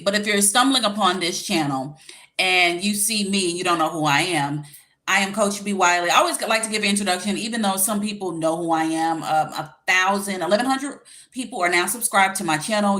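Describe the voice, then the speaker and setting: A woman's voice: on the low side, a bit bright. A woman in her forties chatting casually to viewers as a life coach on a livestream, with a slight lisp from wearing a retainer and an informal, direct way of talking. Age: 40s. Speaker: life coach and YouTube host. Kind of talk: casual livestream chat giving dating advice.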